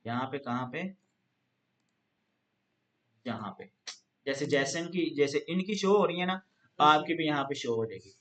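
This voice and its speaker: A man with a rather high voice walks through a software tutorial one step at a time. He explains patiently and keeps coming back to the same filler phrase. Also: dull audio. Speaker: instructor. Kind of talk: screen-recorded software tutorial.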